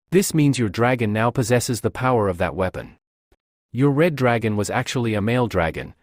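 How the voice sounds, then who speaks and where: A man narrating a comic recap in an even, storytelling delivery. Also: mid-range voice, no echo, studio quality.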